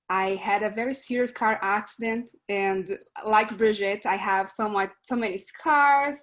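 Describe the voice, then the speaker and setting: A woman with a Brazilian Portuguese accent, originally from Brazil, introduces herself to her club via video call in an online meeting. Her medium-pitched delivery is earnest yet slightly hesitant.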